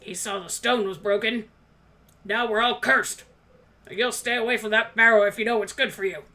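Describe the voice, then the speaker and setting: A woman voicing a crabby old male dwarf blacksmith with a gruff, loud, curt delivery in a tabletop game. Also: steady tone, measured pace. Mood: crabby, fearful. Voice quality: deep-voiced, gruff. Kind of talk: tabletop game role-play.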